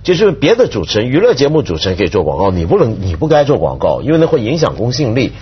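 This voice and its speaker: A man's voice: medium pitch, huge pitch swings, fast, highs cut off, a little hiss or hum. A man giving casual, explanatory commentary as a panelist on a talk show.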